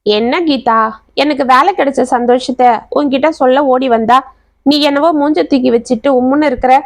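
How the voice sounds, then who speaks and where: A woman's voice: high-pitched, fairly even intonation, brisk, dry recording. A woman voicing an earnest, anxious young man who is a devoted son. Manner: earnest and pleading.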